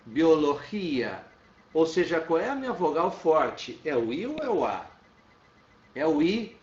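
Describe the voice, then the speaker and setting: A man's voice: fairly high pitch, sing-song, normal speed, recorded from a distance, slight background noise. A man teaching a lesson, explaining step by step and checking in with his students. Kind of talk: classroom lecture. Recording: roomy, dull sound from off-mic.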